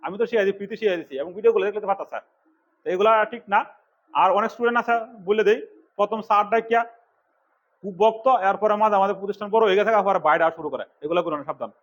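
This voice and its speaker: A middle-aged man from Bangladesh, an instructor giving a fast classroom lecture, scolding and urging his students. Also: sits high, lo-fi sound. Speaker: computer course instructor.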